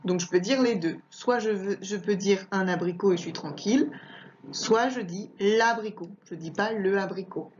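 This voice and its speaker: A woman teacher giving a home lesson to a young child, patient and slow, repeating words and spelling out letters one by one. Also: mid-range voice, darkish tone, slight background noise. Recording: dull lo-fi home recording.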